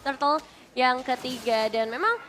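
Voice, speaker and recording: A woman's voice: high-pitched, unhurried, a bit bright. A woman with an Indonesian accent giving conversational esports commentary as a caster. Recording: music behind the voice. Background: music.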